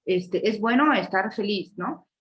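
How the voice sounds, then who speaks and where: A woman's voice: medium pitch, expressive, unhurried, fairly bright tone, rough recording. Chatty woman giving a lecture. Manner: chatty, ends points with a questioning tag, laughs often. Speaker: speaker of an online leadership session. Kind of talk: conversational lecture.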